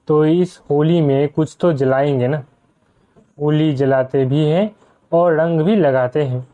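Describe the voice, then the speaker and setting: A man's voice: fairly high pitch, dark tone. A man giving a spiritual discourse to a gathered audience, often putting rhetorical questions to his listeners. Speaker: spiritual speaker. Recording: dull lo-fi recording.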